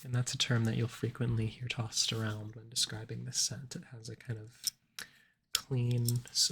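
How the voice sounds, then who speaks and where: Gravelly man in an ASMR salesman role-play. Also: medium pitch, a bit bright, a little hiss or hum. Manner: measured, explanatory sales patter.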